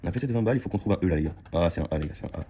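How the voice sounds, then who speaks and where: A man with a low, mellow voice talks his viewers through a scratch-card session in casual running commentary. He chats to them like friends and repeats each word as he checks it. A faint hiss of background noise sits under the close mic. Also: expressive, rapid-fire. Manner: chatty, addresses viewers as friends, repeats words while checking.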